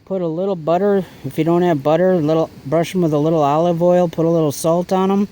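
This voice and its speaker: A man's voice: a little high, fairly even intonation, fast talker, mellow, a little hiss or hum, low-quality recording. A man casually talking through an outdoor cooking vlog, chatty and easygoing while he eats and cooks by a fire. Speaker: bushcraft vlogger.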